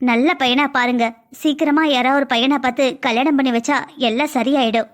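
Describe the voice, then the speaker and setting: A woman's voice: sits high, fairly even intonation, fairly quick, close to an everyday voice. A woman playing an insistent, complaining wife. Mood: persuading. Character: married housewife, worried and insistent. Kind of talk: cartoon voice acting.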